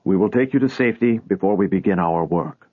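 A solemn heavenly messenger gives stern commands in a low, husky voice, as a man reads him. The sound is dry and narrow, like a phone line. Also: a little fast, no echo.

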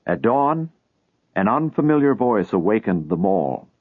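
A man reads a storybook aloud in a measured, low, husky voice. The sound is narrow and tinny like a phone line, and dry with no room around it. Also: big pitch swings, no echo. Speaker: narrator. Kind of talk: storybook reading.

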